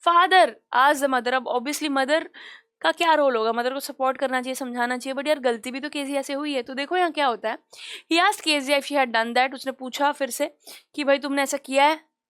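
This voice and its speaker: A woman's voice: high voice, steady tone, normal speed, a bit bright, no room sound, studio quality. A woman teacher explaining a story to her class, mixing English lines with Hindi retelling and asking questions as she goes. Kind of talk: Hindi-English literature lesson.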